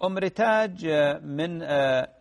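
A man, a sheikh answering listeners' religious questions in a gentle advisory way. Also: a little high, normal speed, creaky, big-room sound. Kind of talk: radio religious Q&A.

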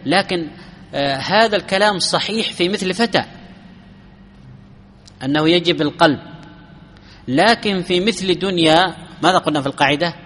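A man giving a classical Arabic grammar lesson, explaining rules step by step, asking his students questions and chanting verses slowly. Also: sits high, fairly bright tone. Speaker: grammar teacher. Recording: long hall reverb.

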